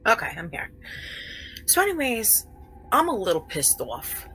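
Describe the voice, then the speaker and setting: A woman hosting a late-night livestream, ranting angrily with heavy swearing while greeting chatters by name, keeping her voice low. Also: huge pitch swings, a little slow, background noise. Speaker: livestream host.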